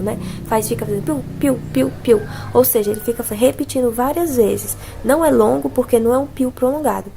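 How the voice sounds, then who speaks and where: A woman's voice: fairly high pitch, gravelly, mellow, slight background noise. A Brazilian woman teaching a casual music theory lesson, explaining patiently and singing notes and imitating sounds to show them. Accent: Brazilian Portuguese.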